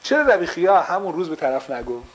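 A man's voice: a little high, sing-song, low-quality recording. A man teaching a religious text class to a small group. He explains with repeated rhetorical questions and mixes English phrases into his speech.

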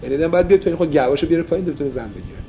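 A man's voice: a little high, expressive, a crowd in the background, poor audio. A man teaching an informal Torah study class, mixing Persian with English and explaining phrases as he goes.

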